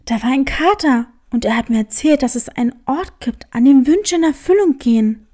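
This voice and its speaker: A woman's voice: a little high, a little slow, warm tone, voice pushed down, lightly acted. A woman voicing an eager, earnest young male hare in a storybook who dreams big. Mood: earnest, pleading.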